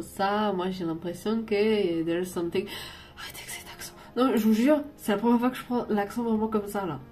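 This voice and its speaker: A woman's voice: mid-range voice, a little mellow. A woman doing a casual tarot and oracle card reading, rambling and laughing often, tossing in English words now and then.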